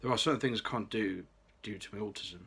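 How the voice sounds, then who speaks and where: Gravelly and breathy at the edges, this low, bright voice belongs to a late-20s man from Birmingham, England, who speaks at a quick pace. He's reading a scripted personal vlog carefully and restarts now and then.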